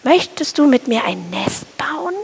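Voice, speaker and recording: A woman's voice: high voice, very animated, unhurried, slightly rough, exaggerated voice. A woman voicing a small, timid male sparrow who frets and worries in anxious, whiny questions.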